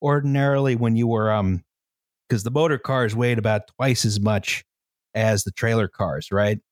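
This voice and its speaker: A man's voice: on the low side, steady tone, moderate pace, dry recording, clean studio sound. A man hosting a casual history podcast, explaining at length with many fillers and checks of "right?". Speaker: podcast host presenting the history.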